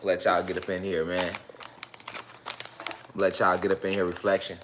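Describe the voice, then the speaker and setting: A man's voice: deep voice, monotone, moderate pace, background noise. A man hosting a casual online night class, talking loosely and profanely and speaking straight to his audience. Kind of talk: casual live-stream lecture.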